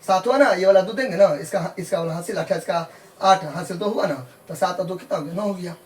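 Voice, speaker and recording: A man's voice: sits high, fast, recorded from a distance, a little hiss or hum. A man working through a decimal addition problem as a maths teacher, patiently repeating each step and checking that students follow. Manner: repetitive, patient, asks "clear?" often. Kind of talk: explaining sums step by step.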